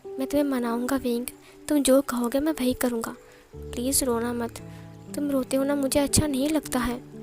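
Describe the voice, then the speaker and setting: A woman voicing a devoted young man who pleads softly with his beloved in a read-aloud story. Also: sits high, steady tone, moderate pace, soft background music, close to an everyday voice. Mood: tender.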